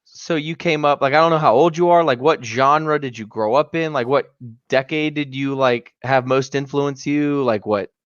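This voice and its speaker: A man's voice: mid-range voice, moderate pace, clear, resonant tone, no room sound, dull audio. A man in his thirties co-hosting a casual chat, asking eager questions full of "like". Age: 30s. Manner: eager, lots of "like" fillers.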